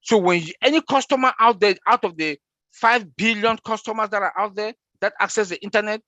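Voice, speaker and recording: An excitable man who repeats himself while answering questions in a casual online meeting. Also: high-pitched, brisk, dry recording. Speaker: presenter answering member questions.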